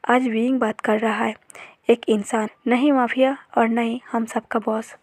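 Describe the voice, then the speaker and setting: A woman's voice: a little high, level tone, measured pace, dry recording. A woman reading the lines of a loyal, caring male friend plainly within her story narration. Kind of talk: narrated fan-fiction retelling.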